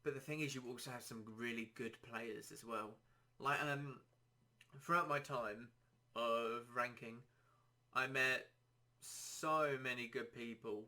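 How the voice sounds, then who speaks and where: A man hosting a casual solo podcast, rambling and self-deprecating, his throat a little dry and hoarse. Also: mid-range voice, steady tone, measured pace, sharp tone. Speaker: podcast host.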